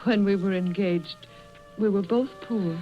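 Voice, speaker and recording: A woman's voice: mid-range voice, unhurried, natural voice. A woman playing a sad but resolute young fiancée in a vintage radio drama, earnest and restrained. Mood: sad, reproachful. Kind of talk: 1930s radio acting. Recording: muffled vintage radio broadcast, faint music.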